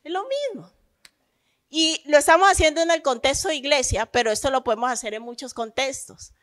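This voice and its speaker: A woman pastor delivers a lively sermon in a high, bright voice. She throws questions at the congregation and acts out the grumbling of believers. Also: a little fast.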